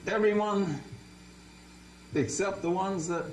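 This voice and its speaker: A man's voice: high-pitched, slow pace, reverberant, a little hiss or hum, rough recording. A man preaching a Bible study sermon, often asking his listeners questions and repeating words as he restarts.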